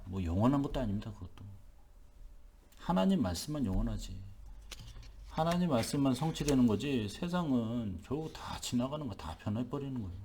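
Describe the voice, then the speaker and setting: A man's voice: medium pitch, lively intonation, fairly quick, mellow, a little hiss or hum. A male pastor giving an early-morning sermon, emphatic and repetitive, asking rhetorical questions. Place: church.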